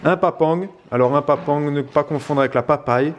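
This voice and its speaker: A man's voice: on the high side, fairly quick. A man from La Réunion with a Réunion Creole accent, rambling casually through an unboxing for his vlog, full of little fillers. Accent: Réunion Creole French. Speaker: vlog host.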